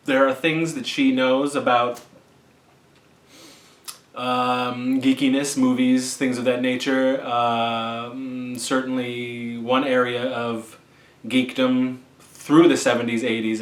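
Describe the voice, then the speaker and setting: A man in his forties talks casually to camera as host. He is jokey and halting, unhurried, with a roomy echo around his voice. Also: mid-range voice, a bit bright. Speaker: video host. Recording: echoey room.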